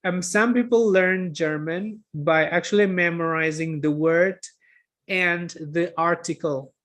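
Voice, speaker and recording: Male lecturer on a video call, slow and hesitant, raised pitch. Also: steady tone, fairly bright tone. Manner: hesitant, filler-heavy, self-correcting. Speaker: guest lecturer. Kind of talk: online Q&A talk.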